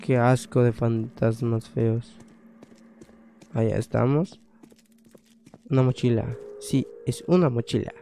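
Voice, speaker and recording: A young man, commentating his own horror game playthrough in a casual way, swearing, thinking aloud and breaking into loud startled outbursts. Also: mid-range voice, steady tone, takes it slowly, gravelly, long pauses, a little hiss or hum. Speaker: gaming channel host.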